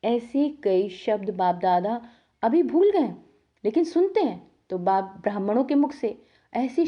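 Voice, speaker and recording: A woman giving a devotional sermon on the daily lesson, lively, asking her listeners questions and answering them herself. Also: mid-range voice, dull audio. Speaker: spiritual teacher explaining the daily lesson. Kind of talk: devotional sermon, explaining a scripture reading.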